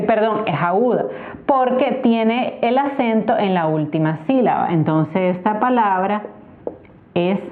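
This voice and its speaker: A woman with a Nicaraguan Spanish accent teaching a grammar lesson, patiently spelling out syllables slowly. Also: mid-range voice. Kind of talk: explaining a grammar tutorial. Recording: tinny phone-like recording.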